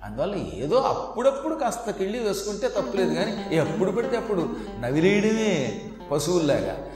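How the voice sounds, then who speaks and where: High-voiced male preacher in an echoey hall. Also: faint music behind. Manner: chuckling, animated, slow verse recitation then quick Telugu gloss. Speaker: religious discourse speaker. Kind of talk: sermon storytelling, reciting Sanskrit verses. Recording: echoey hall, faint ambience.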